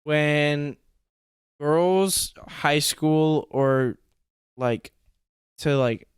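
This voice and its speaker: A young man with a smooth, resonant voice rambles through casual podcast chat, piling on fillers. His Southern California accent is easy and relaxed. The sound is close and dry on a studio mic. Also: on the high side, drawn-out words, dry recording. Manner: rambling, filler-heavy with many "like"s. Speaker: podcast co-host.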